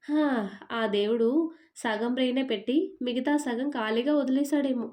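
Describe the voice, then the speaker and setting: A woman's voice: high voice, moderate pace, darkish tone, natural voice. Woman doing an exasperated young husband. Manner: scolding, exasperated.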